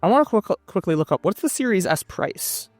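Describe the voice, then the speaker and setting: Higher-voiced man thinking aloud casually. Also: sing-song, a little fast, no echo, soft background music. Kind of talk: casual chat, speculating.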